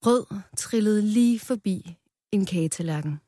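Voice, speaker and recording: A woman reading a children's story aloud in a calm, playful storytelling manner, close to the mic. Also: medium pitch, dry recording.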